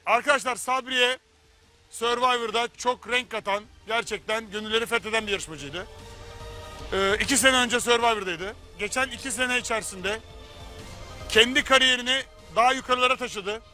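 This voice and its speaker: A man's voice: very high voice, moderate pace, bright, forceful tone, soft background music. A man hosting a reality competition show, welcoming a contestant in an upbeat, announcing manner. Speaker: show host.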